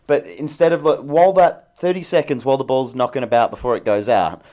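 A man sits as a podcast co-host, with a voice of ordinary pitch. He argues heatedly and rants about refereeing calls, throwing in swear words as he pushes his point. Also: a little fast, dark tone. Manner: heated, argumentative ranting with swearing. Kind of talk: casual football chat.

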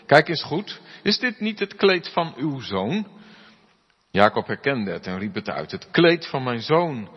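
A man, a pastor, reading Scripture aloud and then preaching, giving the characters' lines an expressive voice. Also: medium pitch, breathy edge. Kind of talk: Bible reading and sermon. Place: church hall. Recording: dull, reverberant church recording.

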